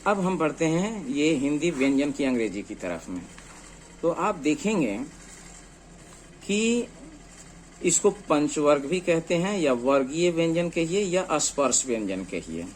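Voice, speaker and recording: A man teaching a beginner English lesson, slowly spelling out letters one at a time. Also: on the high side, big pitch swings, a little hiss or hum. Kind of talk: screen-based lesson explaining letters.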